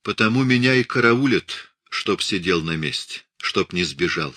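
A weary, hunted middle-aged scientist, read aloud by a man. He talks quietly and resignedly in a deep, husky voice with a sharp, bright edge, close and dry, as in an audiobook. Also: animated, normal speed, no echo, heavily acted.

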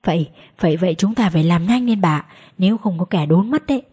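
A woman voicing a hurried middle-aged father in a spoken ghost story. Her voice is husky and urgent. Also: fairly low pitch, lively intonation, mellow.

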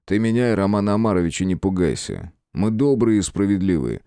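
A man voicing a middle-aged prince and father, measured and dryly amused. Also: sits low, lively intonation, warm tone, clear, resonant tone, dry recording, studio quality. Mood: calm.

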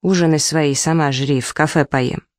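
A woman's voice: sits low, steady tone, normal speed, no room sound, clean studio sound, close to an everyday voice. Woman reading as an irritable young husband. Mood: irritated. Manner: short-tempered, snapping, rude. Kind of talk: reading a story aloud.

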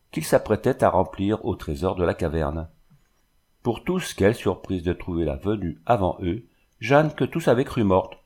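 Low-voiced male storyteller. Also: darkish tone. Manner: measured, dramatic reading. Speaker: narrator. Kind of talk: audiobook reading of a tale.

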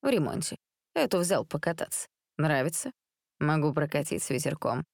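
A woman voicing a drunk, cocky teenage boy in a storybook reading, speaking in a slow, smirking drawl. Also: low voice, big pitch swings, creaky, no echo, clean studio sound, exaggerated voice. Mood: mocking.

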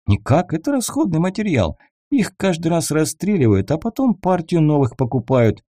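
A frightened young male captive blurts his answers in a nervous rush, as a male audiobook reader puts him on. His voice sits higher than the reader's own, soft and mellow, with lively rises. The recording is dry and close. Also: no echo. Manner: nervous, hurried, gulping.

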